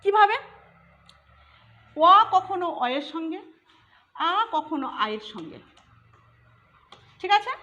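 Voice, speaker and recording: A woman's voice: extremely high pitch, sing-song, slow pace, long pauses, fairly bright tone, lo-fi sound. A woman teaching a grammar lesson for an exam, explaining step by step and asking and answering her own questions.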